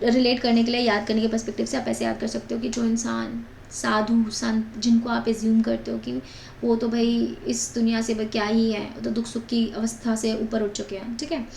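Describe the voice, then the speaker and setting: A woman's voice: a little high, creaky, darkish tone. A young woman teaching a vocabulary lesson, explaining in a chatty way with repetitions and asides. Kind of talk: vocabulary lesson in mixed Hindi and English. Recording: echoey room with faint noise.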